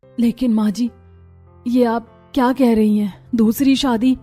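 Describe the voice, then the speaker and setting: A woman voicing a timid, tearful young daughter-in-law in a cartoon, pleading softly. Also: fairly high pitch, slow, soft background music. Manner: pleading, soft.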